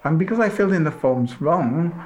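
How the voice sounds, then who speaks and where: Rather high and a little fast, this man's voice is animated with a darkish tone. He's a sculptor from South Wales giving a relaxed interview, rambling through his story with self-deprecating humor and many "you know"s. Slight background noise can be heard.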